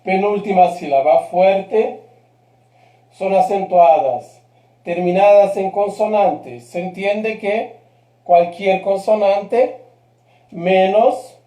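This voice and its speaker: A man's voice: high-pitched, mellow, echoey room. A man teaching a live grammar lesson, patient and checking in often with his class. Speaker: Spanish teacher.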